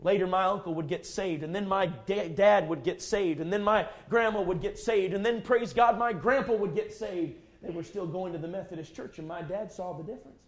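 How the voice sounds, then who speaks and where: A man's voice: high-pitched, brisk, few pauses. A man in his forties preaching a fervent, emphatic sermon full of repetition. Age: 40s.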